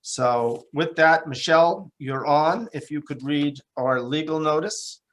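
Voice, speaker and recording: A man serving as town supervisor, chairing a board meeting over a video call in a plain, halting way with many fillers. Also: a little high.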